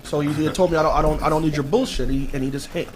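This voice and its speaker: A man telling a story casually in an animated way, acting out dialogue with slang and swearing. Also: on the high side, very fast, a crowd in the background. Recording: noisy podcast mic with background ambience.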